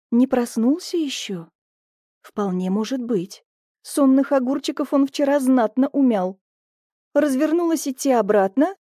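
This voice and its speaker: Woman, audiobook narrator, lively mocking telling, mellow high-ish voice, dry close sound. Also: no echo. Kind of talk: first-person audiobook narration.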